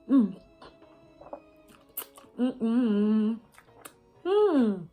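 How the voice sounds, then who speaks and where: A woman with a Nigerian accent hosting a casual eating vlog, chatty, with drawn-out exclamations and hums as she eats. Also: a little high, warm tone. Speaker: mukbang host.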